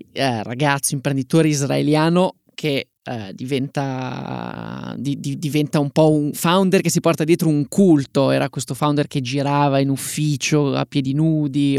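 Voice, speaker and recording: A man with a fairly high, creaky voice co-hosts a podcast. He tells stories casually, in a close, dry recording. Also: darkish tone, dry recording. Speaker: podcast co-host. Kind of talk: casual storytelling podcast talk.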